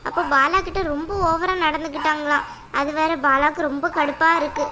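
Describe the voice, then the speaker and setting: A woman voicing an upset, sharp-tongued young wife in a cartoon. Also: high-pitched, level tone, a little fast, a little hiss or hum. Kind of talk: cartoon voice acting.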